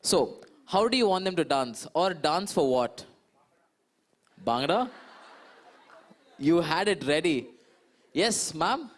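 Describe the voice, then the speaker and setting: A man with an Indian accent working as an energetic event host, coaxing a live audience. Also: on the high side, slow, long pauses. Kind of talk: live crowd hyping. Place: conference stage with audience.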